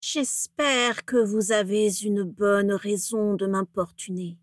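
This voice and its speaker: A woman voicing a sinister, mocking male dark lord with a hissing voice in an audiobook reading, slow and menacing. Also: medium pitch, steady tone, no room sound, studio quality, natural voice.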